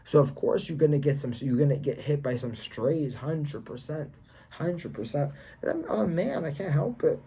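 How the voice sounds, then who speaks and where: A man's voice: on the high side, expressive, moderate pace, vocal fry, warm tone, a little hiss or hum. A young man vlogging about his faith in a slangy, emphatic way, repeating himself and lecturing the viewer. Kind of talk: casual faith vlog monologue.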